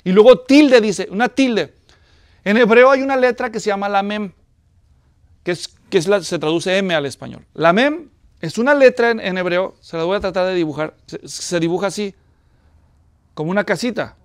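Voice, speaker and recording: A pastor preaching a sermon, putting questions to the congregation. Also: male voice, high voice, moderate pace, no echo, studio quality. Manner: conversational teaching with questions to the congregation.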